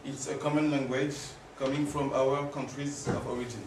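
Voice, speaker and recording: Young man, measured read, far echoey mic. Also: mid-range voice, little pitch movement, noisy background. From France. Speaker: student. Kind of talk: reading a prepared class presentation.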